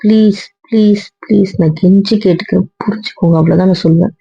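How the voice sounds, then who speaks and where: A woman's voice: mid-range voice, steady tone, fast talker, creaky, dark tone, breathy edge, dry recording. Woman as a stubborn young wife, earnest pleading, dull lo-fi audio drama. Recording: dull dry lo-fi sound.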